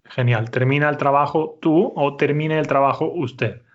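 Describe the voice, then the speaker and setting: A male Spanish teacher gives a conversational language lesson, speaking slowly, clearly and patiently and repeating answers. His voice is a bit high-pitched, and the recording sounds muffled.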